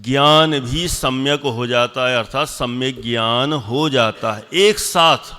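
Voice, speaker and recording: A man teaching a religious class, slowly repeating definitions and quizzing and scolding his pupils. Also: mid-range voice, pushed and bright, in a large hall. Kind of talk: classroom lesson with questions to students.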